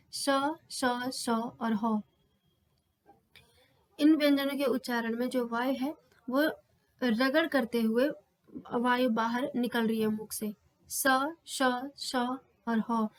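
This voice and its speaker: A woman teaching a grammar lesson for exam preparation, explaining patiently and sounding out letters one by one. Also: on the high side. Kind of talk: exam-prep lecture.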